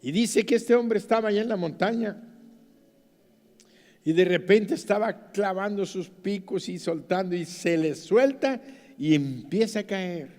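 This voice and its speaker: High-voiced Mexican pastor preaching slowly. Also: male voice, expressive. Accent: Mexican Spanish. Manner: dramatic, swinging from soft to loud. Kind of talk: sermon. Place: church. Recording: church hall reverb.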